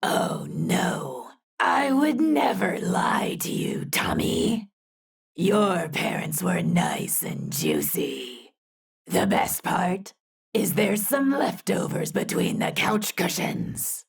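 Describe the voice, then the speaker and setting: A woman voicing a cruel, gleeful rotting undead man who taunts in a slow, rasping whisper. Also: lowish voice, huge pitch swings, pitched above the performer's own voice, heavily acted. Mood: gloating.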